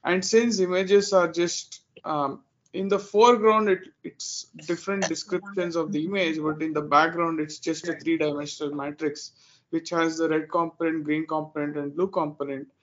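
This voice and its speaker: Indian man, 30s, interview guest, hesitant and filler-heavy, fairly high voice, lo-fi sound. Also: steady tone, normal speed, a bit bright. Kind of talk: interview answers.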